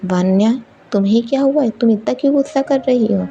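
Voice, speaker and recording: A calm, placating young doctor in a spoken storybook, gently soothing with a touch of exasperation, as a woman narrator plays her. The voice is deeply gravelly and mellow. Recorded dull and lo-fi, with faint music behind. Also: a little fast. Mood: exasperated.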